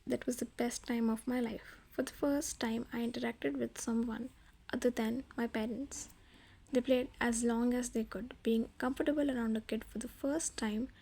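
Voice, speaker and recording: A woman narrating fan fiction aloud in a soft, even storytelling manner. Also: on the high side, slightly rough.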